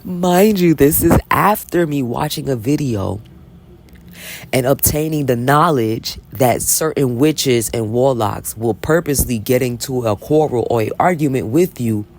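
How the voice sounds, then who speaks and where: Unhurried and rumbling low, this woman vlogs about Bible reading, telling a story in a chatty, animated way. She's blunt and unapologetic and keeps asking "right?", with a little hiss or hum in the recording.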